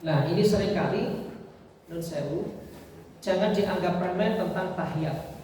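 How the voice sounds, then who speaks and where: A man's voice: high voice, measured pace, a little hiss or hum. Javanese-accented man teaching in an echoing hall. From East Java, Indonesia. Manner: animated storytelling, Javanese phrases mixed in. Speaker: mosque religious teacher. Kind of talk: mosque lesson on prayer recitation. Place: mosque hall. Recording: echoey hall from far off.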